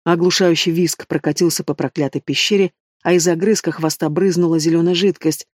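A man narrating a fantasy novel in the first person, steady and dramatic. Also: a little high, brisk, dry recording, studio quality. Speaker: audiobook narrator.

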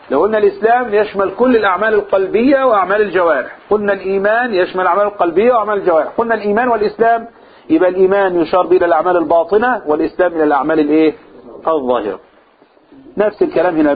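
A man's voice: high-pitched, rapid-fire. A man with an Egyptian accent explains a religious text to a class. He often stops to ask his listeners questions and repeats key phrases. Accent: Egyptian Arabic. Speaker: religious teacher. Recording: tinny phone-like, husky sound.

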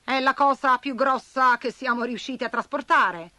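A woman's voice: high voice, moderate pace, bright, forceful tone, no room sound. A woman voicing a tiny, clever male ant chief with a cheery, teasing manner.

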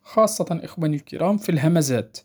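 A woman teaching the rules of Quran recitation. She explains patiently, repeats key points, checks that students follow, and recites verses slowly and melodically. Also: low voice, lively intonation, darkish tone, slightly rough. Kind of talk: tajweed lesson explaining rules.

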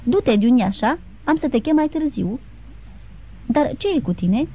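A woman's voice: high voice, lively intonation, husky, voice pushed up, full character voice. A woman voicing a tender young bride in an audiobook, reading her lines with emotion. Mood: eager. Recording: tinny phone-like sound.

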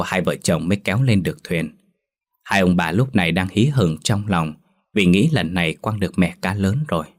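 A man narrating a horror story in steady, dramatic storytelling. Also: low voice.

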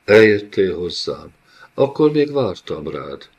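A man's voice: lowish voice, husky, exaggerated voice. Man voicing an undead woman trapped in a golem. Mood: eerie. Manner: taunting, eerily calm. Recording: dull lo-fi audiobook recording.

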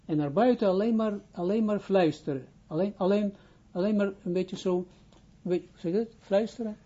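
This informal spoken lesson comes from a man teaching as a rabbi, with a dark, very mellow voice that has a husky grain and sits a bit higher than most men's. His delivery is halting: he restarts phrases and repeatedly checks for understanding. The sound quality is dull and lo-fi.

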